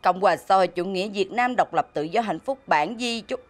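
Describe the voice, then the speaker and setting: An actress playing an emotional, devoted daughter-in-law, pleading and tearful. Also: female voice, mid-range voice, brisk, faint music behind, lightly acted. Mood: reading.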